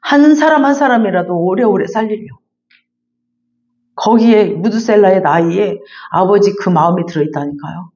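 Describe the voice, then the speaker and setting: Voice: medium pitch, moderate pace, darkish tone, lo-fi sound. A pastor preaching a fervent, repetitive sermon and then leading a closing prayer in a church sanctuary.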